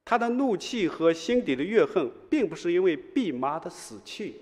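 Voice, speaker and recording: Male preacher, raised pitch, lively storytelling with rhetorical questions, long hall reverb. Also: moderate pace. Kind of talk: sermon teaching.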